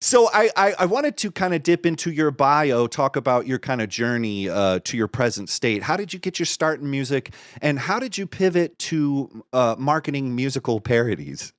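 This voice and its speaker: A male podcast co-host with a jokey, upbeat manner. His pitch swings a lot as he talks, and his voice sounds dry and close to the mic. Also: expressive, moderate pace, hardly any pauses, no echo. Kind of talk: casual chat.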